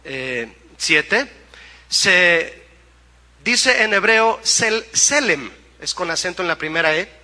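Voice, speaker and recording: Predicador de voz aguda y brillante, sala resonante. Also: male voice, high-pitched, bright, forceful tone, in a large hall. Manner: reads scripture aloud and asks the congregation to answer. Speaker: pastor. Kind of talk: sermon.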